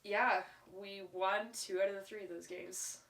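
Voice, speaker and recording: A woman's voice: medium pitch, steady tone, measured pace, crowd noise. A woman co-hosting a podcast in casual chat, joking and laughing often. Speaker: podcast co-host. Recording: echoey room, mic far off, faint noise.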